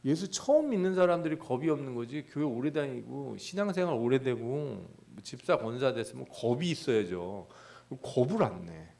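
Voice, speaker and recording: A male pastor delivers a conversational Bible exposition sermon in a mid-range, slightly mellow voice with vocal fry. He asks the congregation questions and acts out people's prayers and inner thoughts in quoted voices.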